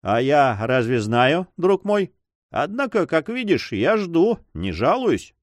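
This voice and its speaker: A man voicing a calm, dignified old governor who speaks quietly and patiently, with a touch of sadness, in a storybook reading. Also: on the high side, slow, dry recording. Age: older. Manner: quiet, patient, gently sad.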